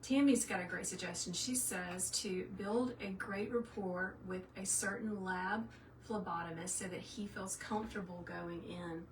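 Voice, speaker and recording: Here a South Carolina woman in middle age runs a live craft tutorial, talking with viewers in a casual, folksy way and a Southern US accent. Her mid-range voice holds a steady tone at a measured pace. Faint noise and a distant mic make the recording roomy.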